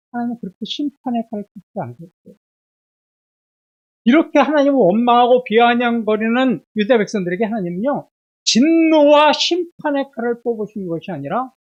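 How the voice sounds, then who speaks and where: A man preaching a Sunday sermon in a church while suffering from a bad cold with fever. He asks his listeners one rhetorical question after another, rising loud and dropping to a hush. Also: high-pitched, slightly rough, highs cut off. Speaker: pastor. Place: church sanctuary.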